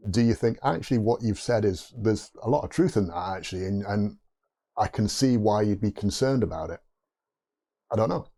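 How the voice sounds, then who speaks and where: A man's voice: on the low side, mellow. A man with a Geordie accent hosting a tech video, explaining ideas off the cuff with restarts and rhetorical asides. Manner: rambling, restarts mid-thought, rhetorical asides. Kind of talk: unscripted explainer to camera.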